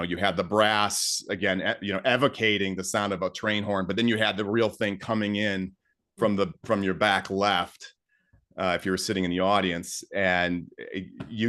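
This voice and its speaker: Deep voiced guy chatting about his music, excited, lots of uh and um. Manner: enthusiastic, many fillers and restarts. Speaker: guest composer. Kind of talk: casual interview talk.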